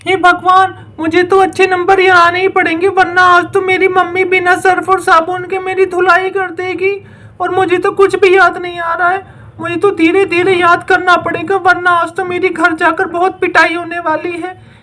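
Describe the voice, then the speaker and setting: A woman's voice: very high-pitched, pushed and bright. A woman voicing an anxious young schoolgirl who frets and pleads over a hard exam in a doll story. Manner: anxious, pleading, praying aloud. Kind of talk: doll story role-play.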